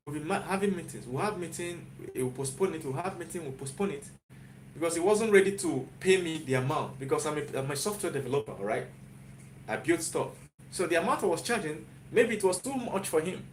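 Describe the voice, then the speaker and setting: The recording is rough, with a little hiss or hum, and the man's voice is fairly high. He speaks with a Nigerian accent, a YouTuber and software developer giving a motivational pep talk on a live stream. He repeats himself and keeps checking in with "you get?"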